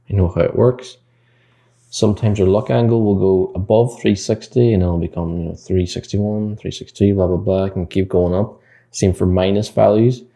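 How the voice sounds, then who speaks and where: A man's voice: low-pitched, vocal fry, warm tone. A man teaching game development in a screen-recorded coding tutorial. He explains the code step by step, thinks aloud and corrects himself mid-sentence.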